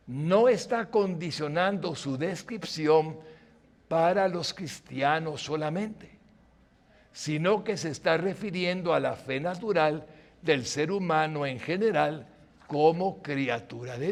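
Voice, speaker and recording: An older man preaching as a pastor, acting out short dialogues and swinging between loud exclamations and hushed lines. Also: a little high. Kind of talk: sermon.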